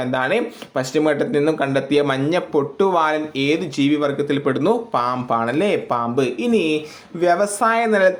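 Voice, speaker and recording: A man teaching an exam-prep lesson, reading each question and answer twice and urging listeners to remember them. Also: fairly high pitch. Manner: informal, addresses listeners casually. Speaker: exam coach. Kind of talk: current affairs quiz lesson.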